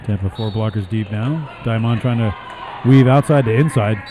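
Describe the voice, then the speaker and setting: A man doing live play-by-play commentary at a roller derby bout, brisk and wry, slipping in dry jokes between calls. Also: fairly low pitch, noisy background.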